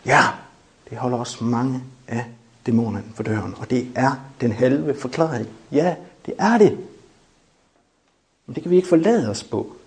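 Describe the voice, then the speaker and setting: A man preaching a lively sermon, joking with the congregation and shouting to drive points home. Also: mid-range voice.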